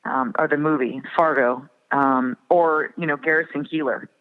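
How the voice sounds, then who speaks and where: A woman in her forties from the northern prairie, reflective and often laughing softly as an interview guest. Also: low voice, steady tone, normal speed. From Minnesota and North Dakota border area. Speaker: guest singer-songwriter. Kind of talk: casual interview chat. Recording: tinny phone-like line with long reverb.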